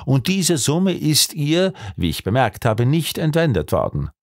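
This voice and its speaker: A man's voice: a little high, wildly swooping pitch, unhurried, no room sound, studio quality, voice pushed up, heavily acted. A man voicing a desperate, grieving old carpenter in a pleading, raised voice for an audiobook.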